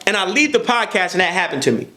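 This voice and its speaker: A man's voice: high voice, sing-song, quick pace, bright, forceful tone. A man speaking as a podcast guest, emphatic and profane, repeating words as he pushes his point. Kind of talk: heated interview talk.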